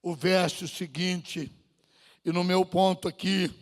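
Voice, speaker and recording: A male pastor preaching a sermon, dramatic and slow, drawing out pleas and swinging from loud cries to near-whispers. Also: sits high, fairly even intonation. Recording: long church reverb.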